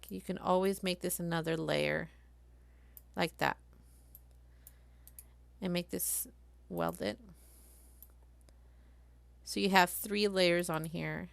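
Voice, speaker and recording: A woman live-streaming a craft software tutorial, chatty and thinking aloud as she works. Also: lowish voice, creaky, dry recording.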